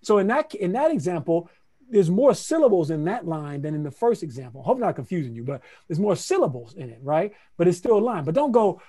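A man's voice: sits high, a little fast, breathy edge. A man teaching an online playwriting masterclass, talking casually and scatting rhythms aloud to show where lines fall. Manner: animated, scats rhythms aloud; conversational, repeats phrases for emphasis. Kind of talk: lively online workshop teaching.

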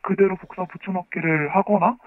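An interviewed author on the phone, voice disguised by pitch-shifting downward, explaining calmly and factually. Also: a little fast, no room sound. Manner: calm, factual, methodical explaining. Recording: tinny phone line.

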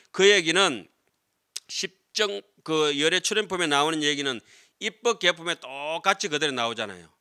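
A middle-aged Buddhist monk with a somewhat high voice lectures on scripture to a class in a hall, speaking into a desk microphone on a stand. He is animated, repeatedly putting questions to his students and then answering them himself.

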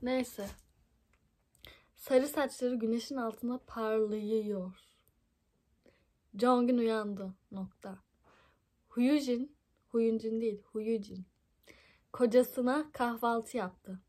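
A woman's voice: a little high, takes it slowly, pauses often, a little mellow. A young woman reading a fan fiction book aloud into her phone, stumbling over words and laughing at it, her voice a bit scratchy from a tickly throat. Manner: amused, mocking asides, frequent laughs and stumbles.

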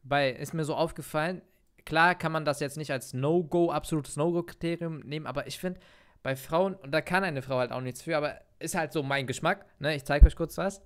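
A man commenting over a video on his stream, tossing slangy, opinionated remarks at his chat. His voice sits a little higher than most men's and is picked up close by a desk mic. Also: brisk, smooth. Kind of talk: casual reaction commentary.

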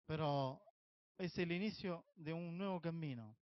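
Impassioned Italian man, high voice. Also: measured pace, no room sound, lo-fi sound. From Italy, Sicily. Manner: impassioned, demanding. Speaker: activist speaker. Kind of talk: public protest speech.

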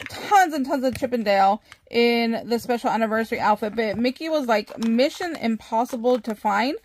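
A young woman crafting vlogger, talking casually to her viewers, gushing and excitable with lots of filler words. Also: sits high. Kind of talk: casual chat to camera.

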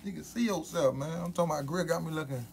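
A man's voice: fairly high pitch, fast, gravelly, slight background noise. Hype man talking through a gold grill. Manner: hype, repetitive catchphrases, loud ad-libs. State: speaking with grill on teeth. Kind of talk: casual hype promo vlog.

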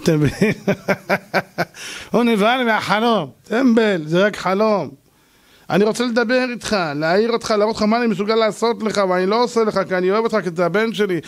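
A man, a rabbi, giving a lively Torah lecture, telling stories and acting out their characters. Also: sits high. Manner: animated storytelling, acting out characters.

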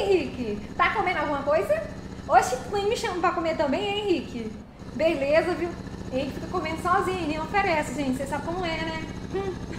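Giggly high-voiced woman streamer. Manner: giggly, can't stay serious. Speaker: live streamer. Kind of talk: casual chat with stream viewers while gaming. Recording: roomy echo, loud vehicle game noise.

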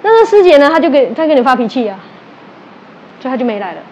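A woman's voice: high-pitched, quick pace, lo-fi sound, a little hiss or hum. A woman with a Taiwanese Mandarin accent that mixes in Hokkien, giving a sermon as a religious teacher. She tells stories, acts out quoted exchanges and asks her listeners questions. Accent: Taiwanese Mandarin, mixing in Taiwanese Hokkien. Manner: animated storytelling, acting out quoted exchanges.

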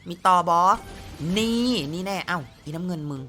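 Chatty bright-voiced woman over game music. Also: fairly low pitch, normal speed. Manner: chatty, playful, exclaims at the screen. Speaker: slot game streamer. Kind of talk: casual gameplay commentary.

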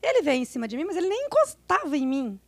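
A woman telling a personal story as a podcast guest, lively and acting out what the others said. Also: sits high, fast talker, no echo. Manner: animated, acts out the voices of people in her story. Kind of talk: casual storytelling.

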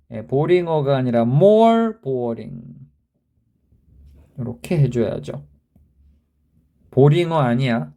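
A man with a high, mellow voice teaches grammar, spelling out word endings letter by letter. He keeps quizzing the viewer emphatically.

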